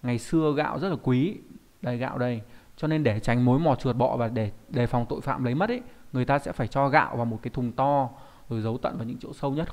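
A man's voice: medium pitch, darkish tone. Chatty man teaching kanji. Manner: chatty, keeps asking students rhetorical questions. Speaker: Japanese language teacher. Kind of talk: online kanji lesson.

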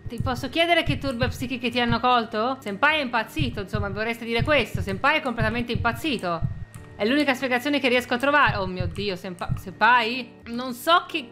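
Bright-voiced woman doing game commentary. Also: fairly high pitch, fairly quick, faint music behind. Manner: playful, theatrical, chatty. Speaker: gaming YouTuber. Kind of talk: casual gameplay commentary.

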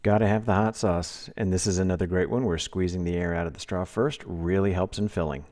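A man hosting a do-it-yourself channel, talking through a craft demonstration in a relaxed, practical, plain-spoken way as a close-miked voice-over. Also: low-pitched, a little fast. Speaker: DIY channel host. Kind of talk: casual tutorial voice-over.

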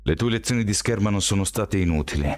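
A man voicing a calm, self-assured young man who speaks in a measured, quietly defiant way, in an audiobook reading. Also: lowish voice, dry recording, voice pushed up, lightly acted.

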